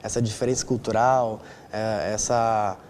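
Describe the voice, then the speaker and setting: A man in his twenties from Rio Grande do Sul, in southern Brazil, answers conversationally as an interview guest, often tacking on tag questions to seek agreement. His voice is lowish and a little mellow, with fairly even intonation and a measured pace, and there is slight background noise.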